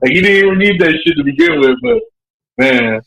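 A man's voice: sits high, very animated, a little fast, creaky, a bit bright, poor audio. A man speaking as a podcast guest in a casual late-night chat, laid-back, giving short replies and swearing casually.

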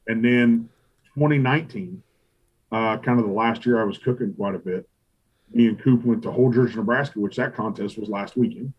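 A middle-aged man, a barbecue pitmaster telling stories in a casual interview, animated and profane, acting out what he and others said. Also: lowish voice, moderate pace, husky, muffled recording. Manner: animated, profane, quotes himself and others in acted asides. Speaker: competition barbecue pitmaster and restaurant owner.

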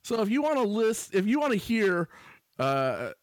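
A man's voice: high-pitched, sing-song, normal speed, no room sound. A man co-hosting a podcast, talking casually with lots of fillers and dry humor. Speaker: podcast co-host.

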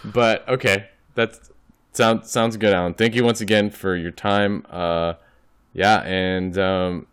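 A man's voice: on the low side, level tone, slow, a bit bright, clean tone. A man hosting a casual interview podcast, rambling and restarting his sentences as he asks questions. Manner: rambling, hesitant, full of restarts. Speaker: podcast host.

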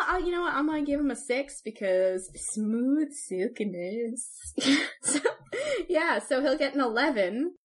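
A woman with a Canadian accent co-hosting a podcast, chatting casually and laughing often. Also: sits high. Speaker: podcast co-host. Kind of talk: casual chat, scoring popes.

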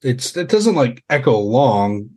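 Male game master, slow pace, mid pitch, halting improvised horror narration, searching for words. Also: big pitch swings, darkish tone, breathy edge.

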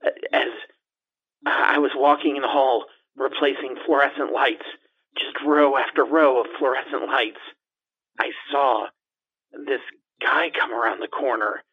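Comedy podcast: male performer as a jittery landlord, stammering and rambling like an anonymous tipster, voice masked with a muffled lo-fi disguise, mid-pitched. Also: fairly even intonation, measured pace, husky. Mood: nervous. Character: jittery gossiping male building landlord in hiding. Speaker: interviewee. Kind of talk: improvised comedy podcast parody. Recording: dull muffled disguise filter.

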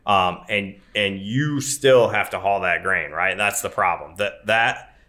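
Bright, forceful, lowish-voiced male podcast co-host. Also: measured pace. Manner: folksy, emphatic, checks in with "right?". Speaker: podcast co-host and grain marketing advisor. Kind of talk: casual advisory podcast talk.

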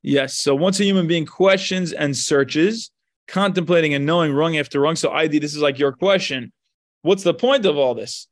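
Male teacher, slightly raised pitch, talks through a text study passage by passage. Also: moderate pace. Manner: explains a text line by line, rising in pitch when stressing points.

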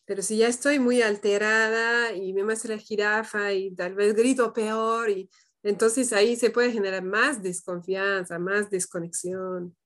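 A woman leading a parenting practice group, speaking calmly and thoughtfully with frequent questioning tags. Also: medium pitch, a little slow. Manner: calm, thoughtful, many "¿no?" tags. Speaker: group facilitator. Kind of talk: reflective group discussion.

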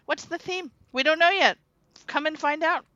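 A woman's voice: high-pitched, sharp tone, no room sound, dull audio. A woman in her forties co-hosting a casual radio show, bubbly and emphatic. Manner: bubbly, quick to laugh, emphatic. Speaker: radio co-host.

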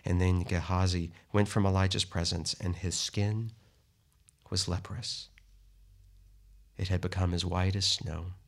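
A man giving a steady, measured Bible reading, lightly voicing the people in the text. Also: low voice, vocal fry. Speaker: scripture reader.

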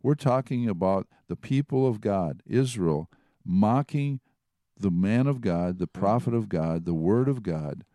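A man's voice: fairly low pitch, expressive, normal speed, few pauses, mellow, dry recording. A man teaching from the Bible in a conversational way, retelling and reading passages aloud. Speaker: preacher.

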